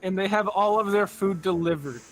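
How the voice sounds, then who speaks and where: A high-voiced man chats at a tabletop game, casual and joking with quick asides. Faint music plays behind him. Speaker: player.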